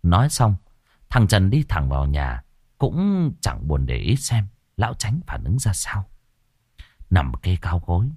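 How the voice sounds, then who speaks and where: Expressive low-voiced male storyteller. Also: no echo, studio quality. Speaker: narrator. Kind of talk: audiobook story narration.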